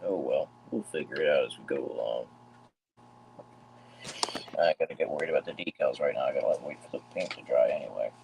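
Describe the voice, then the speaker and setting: A man with a very deep, gravelly voice, chatting casually and thinking aloud while he works on models during a livestream. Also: a little fast, long pauses, darkish tone, slight background noise, poor audio. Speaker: livestream host building model trains. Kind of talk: casual chat while working.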